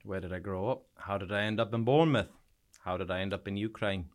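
With a voice on the low side, a soldier back from war tells his story frankly and haltingly as a guest on a podcast. He's from a small town in New Brunswick, eastern Canada, and speaks with a Canadian accent touched by an Irish-sounding twang.

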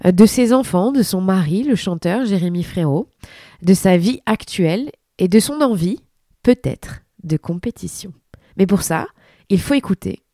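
A woman in her thirties with a French accent, hoarse from a cold, presenting a sports podcast as its host. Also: mid-range voice, animated, moderate pace, mellow, dry recording, clean studio sound. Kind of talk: introducing and hosting a sports podcast.

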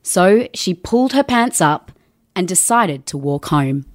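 A woman narrating a documentary in an even, measured, scripted delivery. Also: lowish voice, no echo. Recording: dry studio sound with faint music.

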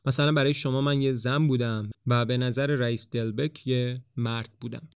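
Calm, mysterious doctor in a storybook reading, voiced by a man; gentle and thoughtful. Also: medium pitch, clean tone, no room sound, studio quality, close to an everyday voice. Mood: calm, reflective. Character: calm, mysterious doctor who sees off the dying. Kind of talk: audiobook dialogue reading.

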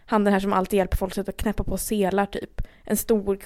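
A young woman from Sweden, co-hosting a podcast and telling an embarrassing story in casual, animated chat. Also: mid-range voice. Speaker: podcast co-host.

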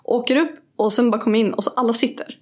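A young woman co-hosting a podcast in casual chat, telling a story in an animated way and acting out bits of dialogue, with casual swearing. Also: fairly high pitch. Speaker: podcast co-host.

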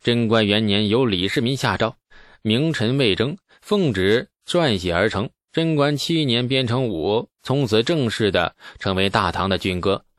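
A man narrating a historical novel as an audiobook in a steady storytelling manner. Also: lowish voice, measured pace, no echo, studio quality. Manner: steady storytelling with asides to listeners.

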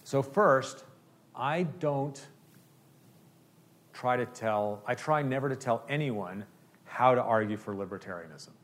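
A man's voice: mid-range voice, measured pace, long pauses. A man who says he is an economist, explaining his view and answering audience questions, often checking in with "okay?". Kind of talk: lecture Q&A.

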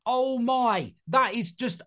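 High-pitched man ranting about sport. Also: slow, fairly bright tone. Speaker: football fan giving opinion. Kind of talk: indignant rant.

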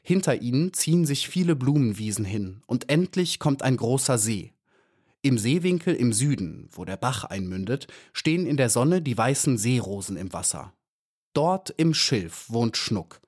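A man's voice: mid-range voice, big pitch swings, normal speed, darkish tone. A man reading aloud, voicing a little young female bee who speaks timidly yet firmly.

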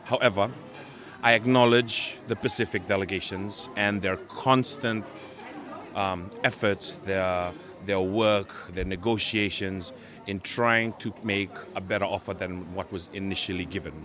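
A man from Fiji, giving earnest interview answers and pausing to search for words. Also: sits low, fairly even intonation, fairly bright tone. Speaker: Pacific island campaigner interviewed at a meeting.

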